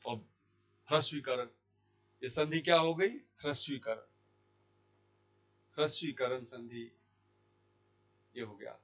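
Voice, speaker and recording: A man teaching Hindi grammar in a classroom lesson. He asks questions and answers them himself, repeating key words slowly. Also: mid-range voice, a bit bright. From India. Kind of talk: classroom lesson explaining sandhi. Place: Jaipur language institute.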